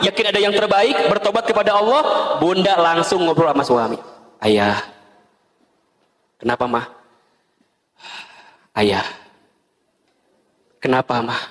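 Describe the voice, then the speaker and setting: A man with a Sundanese accent preaching a sermon, telling stories and acting out dialogues. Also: high-pitched. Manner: animated storytelling, acting out dialogues. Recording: echoey hall with long reverb.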